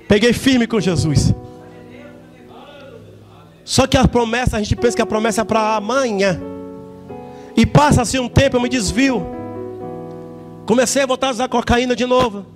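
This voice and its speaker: A man giving a church testimony in a fervent, repetitive preaching cadence. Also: very high voice. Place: church service.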